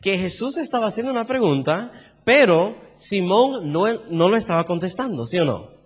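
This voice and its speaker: A man's voice: high-pitched, big pitch swings, normal speed, breathy edge, big-room sound. A man with a Caribbean Spanish accent preaching a sermon, quizzing the congregation with questions as he goes.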